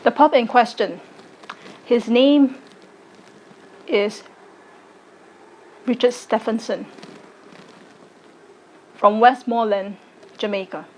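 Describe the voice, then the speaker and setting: A woman, giving a slow, deliberate personal statement to camera. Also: on the high side, rough recording. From Singapore. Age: late 20s. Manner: slow, deliberate, measured delivery. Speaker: arts educator and content creator.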